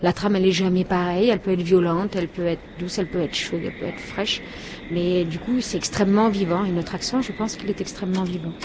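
A woman with a southern French accent gives a casual, thoughtful interview. Her voice sits a little low, and there is faint ambient noise behind her. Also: steady tone, fast. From southern France. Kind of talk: reflective casual interview talk.

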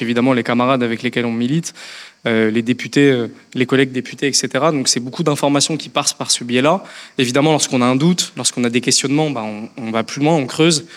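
A man's voice: mid-range voice, big-room sound. A man who is a member of parliament, answering questions in a political discussion, thoughtful and hesitant with many restarts.

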